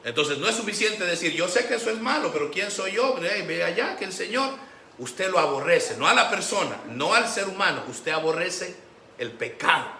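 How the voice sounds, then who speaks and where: A pastor preaches with a somewhat high, bright, forceful voice, slipping into the voices of the people he quotes. The sound is roomy and echoey, with a faint hiss of background noise. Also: expressive, normal speed, creaky. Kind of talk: sermon. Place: church sanctuary.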